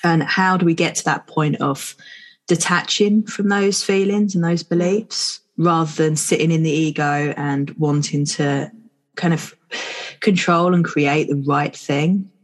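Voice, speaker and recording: A woman with a low, deep-set voice co-hosts a podcast. She thinks aloud in an easygoing chat and keeps turning her thoughts into questions. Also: fairly even intonation, a little slow. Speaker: podcast co-host. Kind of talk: reflective casual chat.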